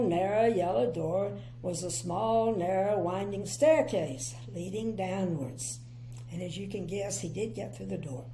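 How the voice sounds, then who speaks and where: On a low-quality recording, an older woman with a mid-range voice reads a bedtime storybook expressively. Like a grandmother settling in with a child, she chats along, offering gentle opinions between lines.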